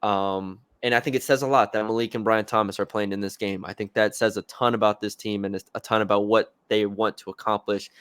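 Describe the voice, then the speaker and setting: A man's voice: lowish voice, steady tone, brisk, hardly any pauses, fairly bright tone, smooth, no room sound. A man co-hosting a sports podcast, chatting casually about football picks with fillers and restarts. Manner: conversational, hesitant with fillers and restarts.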